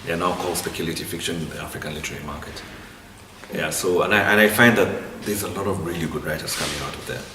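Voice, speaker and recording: A man with a Kenyan accent answering interview questions conversationally, in a halting way with repeated phrases. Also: low-pitched, steady tone, bright, forceful tone. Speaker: interviewee, literary blogger. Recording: distant, echoey, noisy room.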